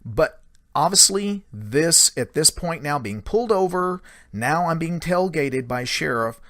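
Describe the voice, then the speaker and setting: A man casually retelling a secondhand story in a conversational way, with many small pauses and "he said" tags. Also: fairly high pitch, expressive, a bit bright, dry recording, clean studio sound. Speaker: paranormal storyteller.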